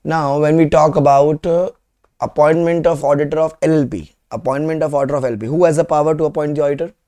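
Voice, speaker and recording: A man's voice: a little high, fairly even intonation, fast talker, warm tone. A man with an Indian accent teaching a live class, putting quiz questions to students and repeating phrases for emphasis.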